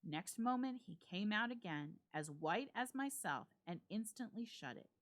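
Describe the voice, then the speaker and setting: A woman storyteller, reading at a library, performs a ghost story with suspense and expression, phrasing each line deliberately in a medium-pitched voice.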